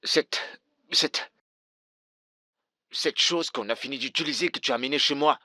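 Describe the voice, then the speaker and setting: A man's voice: medium pitch, unhurried, pushed and bright, no room sound, clean studio sound. A man dubbing a furious, betrayed husband in a film drama, blunt, harsh and insulting. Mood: contemptuous. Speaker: angry husband.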